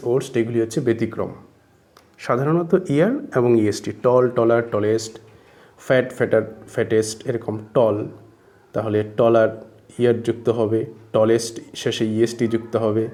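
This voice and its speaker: A man teaching spoken English, explaining grammar slowly and repeating each phrase word by word. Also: medium pitch, darkish tone.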